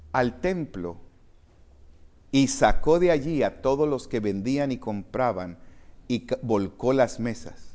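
A man preaching a sermon to his congregation, addressing them directly and swinging from quiet reflection to loud, emphatic calls. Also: fairly high pitch. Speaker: pastor.

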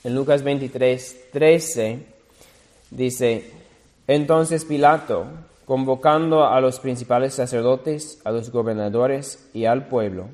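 A man preaching a sermon, reading scripture aloud slowly and deliberately, now and then correcting himself. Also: medium pitch, steady tone, a little mellow, big-room sound.

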